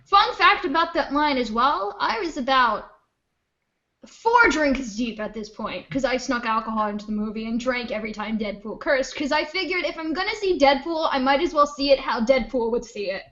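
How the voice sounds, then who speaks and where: A woman's voice: high voice, animated, sharp tone. A young woman co-hosting a podcast, chatting casually and jumping in with jokes. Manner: chatty, quick to jump in with jokes. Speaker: podcast co-host. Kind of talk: casual chat. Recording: dull lo-fi sound.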